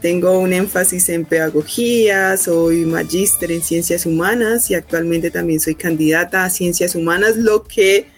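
A Colombian woman, a university professor, answering interview questions in an earnest way with slow, stressed phrases. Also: fairly low pitch, faint music behind.

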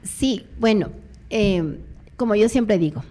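A woman's voice: medium pitch, animated, takes it slowly, warm tone. A middle-aged woman, a guest on a radio talk show, telling reflective stories with many fillers.

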